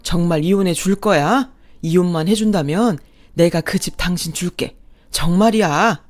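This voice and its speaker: A woman's voice: lowish voice, moderate pace, dry recording, faint music behind, close to an everyday voice. A woman voicing a bellowing, arrogant old father-in-law. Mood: eager. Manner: shouting, scornful.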